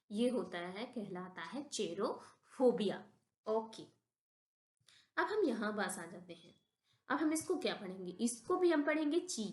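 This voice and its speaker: A woman's voice: mid-range voice, roomy sound. A woman teacher with an Indian accent explains English word pronunciations, thinking aloud, correcting herself and asking rhetorical questions. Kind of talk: slow classroom-style explanation mixing Hindi and English.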